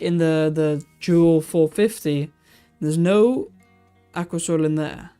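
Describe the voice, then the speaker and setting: A livestream host reacts to old aquarium videos, chatting casually, thinking out loud with lots of restarts and answering viewer comments. The voice is medium-pitched, dark, clear and resonant.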